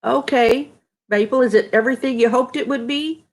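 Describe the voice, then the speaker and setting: A middle-aged woman from Texas reads viewer comments and greets people by name in a casual live stream from home. She talks at a moderate pace in a fairly high voice that comes out nasal and stuffed-up, since her nose is congested.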